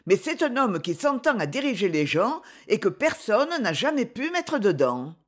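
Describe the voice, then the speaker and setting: A woman's voice: fairly high pitch, sing-song, normal speed. A woman reader voicing a proud, chatty older peasant woman who once nursed the heroine, speaking with fond exclamations.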